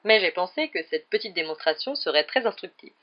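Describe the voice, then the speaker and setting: A reader doing a loud, showy boastful wizard. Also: male voice, high-pitched, expressive, fairly quick. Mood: blustering. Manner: showy, loud, theatrical announcing. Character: flamboyant boastful male wizard teacher. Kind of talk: audiobook character voice. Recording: dull lo-fi recording.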